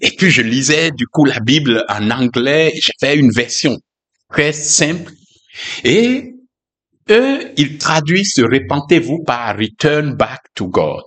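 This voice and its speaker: A man's voice: medium pitch, lively intonation, takes it slowly, a bit bright. A man giving an informal, conversational sermon, musing aloud with frequent fillers and asides. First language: not English. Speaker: preacher.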